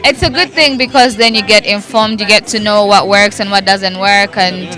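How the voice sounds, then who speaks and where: A woman in her twenties, answering questions in a casual interview at an outdoor party, relaxed and quick to laugh. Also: medium pitch. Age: 20s. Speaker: event guest. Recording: loud party music and crowd chatter.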